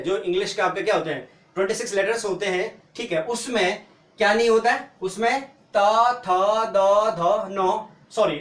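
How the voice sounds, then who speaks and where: A man teaching the alphabet, spelling out each letter slowly and answering his own questions as he explains. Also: high-pitched, reverberant. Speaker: language teacher. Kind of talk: explaining lesson.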